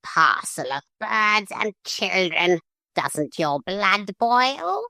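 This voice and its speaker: A woman's voice: mid-range voice, sing-song, very slow, creaky, sharp tone, no echo, studio quality, voice pushed up, full character voice. A woman voicing a fussy, formal male parrot who scolds and threatens politely. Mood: prim scolding. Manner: prim, formal, pompous.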